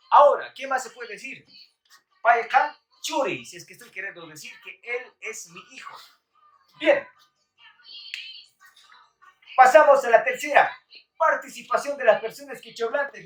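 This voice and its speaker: A woman teaching Quechua on a live stream, calling out to viewers and running a lively quiz. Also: medium pitch. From Bolivia. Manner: lively, calls out to viewers, counts down. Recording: echoey room, far from the mic, faint music.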